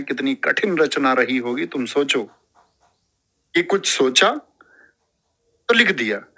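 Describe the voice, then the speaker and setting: Bright, lively male teacher. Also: fairly high pitch. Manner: lively, lecturing, repeating terms aloud and reciting verse. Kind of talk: classroom lecture. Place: classroom.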